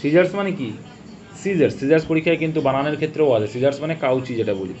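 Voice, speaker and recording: A fairly high-voiced man teaches English grammar, putting questions to his students and answering them himself. He reads the example sentences out slowly, word by word. The recording sounds dull and lo-fi, with a faint hiss behind it. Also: animated, darkish tone. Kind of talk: spoken grammar lesson.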